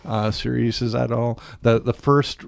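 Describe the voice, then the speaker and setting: A man's voice: medium pitch, fairly even intonation, unhurried, creaky, dry recording. Playful rambling male radio host. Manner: playful, jokey, rambling with restarts and sung bits. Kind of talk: casual radio interview chat. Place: local radio studio.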